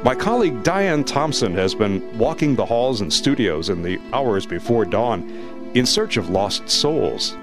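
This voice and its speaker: Lively male documentary narrator. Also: medium pitch, a little slow, music in the background. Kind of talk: scripted narration.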